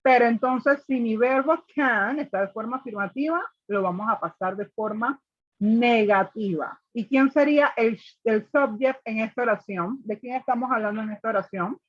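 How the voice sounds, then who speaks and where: A woman teacher leads an online grammar class over a video call, her slightly high voice patient and methodical. She keeps checking in with her students. The audio is dull and lo-fi. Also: moderate pace. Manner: patient, step by step, often checking with "ok?". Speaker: English teacher. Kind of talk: online class explaining grammar, mixing Spanish and English.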